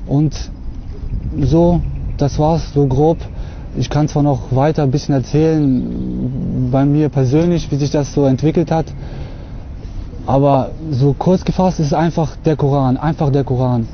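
A man's voice: medium pitch, steady tone, unhurried, a little hiss or hum. A young man from Russia giving an earnest, hesitant spoken testimony to camera outdoors on a lawn, with many filler sounds, recorded on the camera mic. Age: young adult. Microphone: camera mic at close distance. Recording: slightly dull lo-fi outdoor camera audio.

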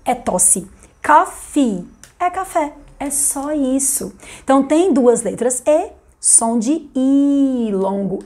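Brazilian lady teaching english on video, chatty, highish voice, says the words slow and over again. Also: a little mellow. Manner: chatty, explains slowly, repeats English words for emphasis. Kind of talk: casual video lesson.

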